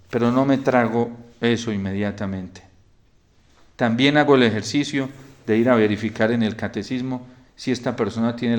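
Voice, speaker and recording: A male priest preaching a homily in a storytelling manner, often falling to a quiet hush. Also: medium pitch. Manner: storytelling, drops to a soft hush in quoted lines.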